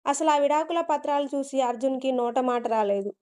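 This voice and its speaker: A woman narrates a dramatic story, expressive and steady. Her voice sits high and rings clear and smooth. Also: a little fast.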